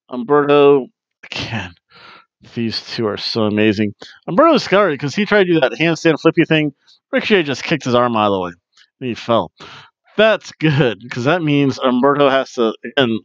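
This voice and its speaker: A wrestling review host in his forties casually recaps matches from a small home room, chatty and opinionated, bursting into loud mock booing. He speaks through a headset mic on a video webcam, and his mid-range voice comes across dry and muffled.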